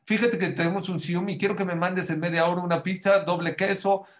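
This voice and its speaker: A man voicing a playful male schoolteacher who fakes a phone call and keeps insisting, in a lively, mock-innocent way. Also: high-pitched, brisk, lightly acted. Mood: cheerful.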